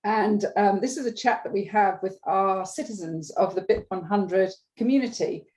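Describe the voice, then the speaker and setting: A woman hosting a livestreamed business chat, enthusiastic and talking with frequent ums and pauses. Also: medium pitch, darkish tone, low-quality recording. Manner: enthusiastic, hesitant with many ums. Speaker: host.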